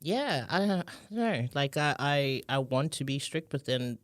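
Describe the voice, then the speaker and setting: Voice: medium pitch, lively intonation, moderate pace, no room sound. A podcast co-host in casual chat who talks in a thoughtful, hesitant way with many fillers. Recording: dry close recording.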